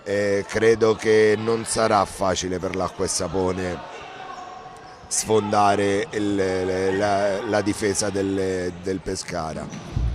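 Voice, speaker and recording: A man co-commentating as a coach, giving tactical analysis in hesitant, measured phrases. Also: sits low, flat delivery, music in the background.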